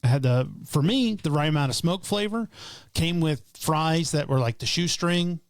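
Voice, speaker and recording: A man with a fairly high-pitched voice speaks at a moderate pace in a studio-quality, echo-free recording. Co-hosting a podcast, he chats casually in an easygoing, rambling way, trailing off and starting again.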